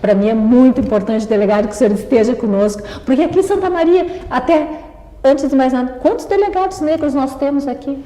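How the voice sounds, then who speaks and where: A woman's voice: sits high, animated, fast talker, mellow. A woman hosting a community talk show, enthusiastic and emphatic, echoing her guest's words. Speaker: host. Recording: echoey room with long reverb.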